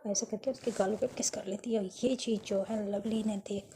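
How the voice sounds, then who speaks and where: A woman's voice: mid-range voice, fairly even intonation, normal speed, noisy background. A woman telling a school romance story in a casual spoken way, retelling each character's lines with "so she says" and frequent restarts.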